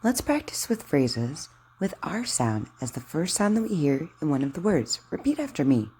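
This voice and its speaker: A woman's voice: deep voice, big pitch swings, normal speed, a little mellow, a little hiss or hum. A woman speech therapist giving simple, encouraging instructions in a lesson. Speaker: speech therapist teaching articulation. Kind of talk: friendly instructional lesson talk.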